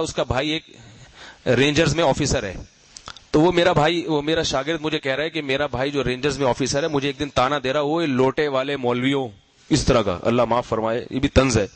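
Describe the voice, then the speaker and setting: A middle-aged man giving a Friday sermon, telling stories with rhetorical questions and humorous asides, and getting loud and emphatic when he scolds. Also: fairly high pitch, no echo, rough recording. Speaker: preacher.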